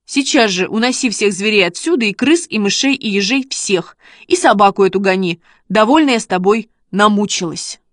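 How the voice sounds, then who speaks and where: A woman voicing an angry mother who shouts and scolds her son. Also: medium pitch, animated, normal speed, no room sound, clean studio sound, natural voice.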